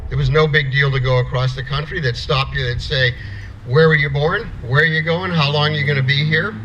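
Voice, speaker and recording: A man's voice: a little high, steady tone, brisk, sharp tone, dull audio, slight background noise. A middle-aged man from the United States telling a plainspoken story at an outdoor rally, restarting words as he goes. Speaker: rally speaker.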